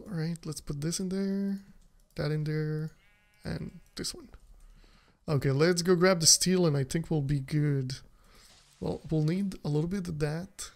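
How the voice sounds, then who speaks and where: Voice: medium pitch, darkish tone. A game streamer giving casual, chatty commentary to viewers while playing, laughing often.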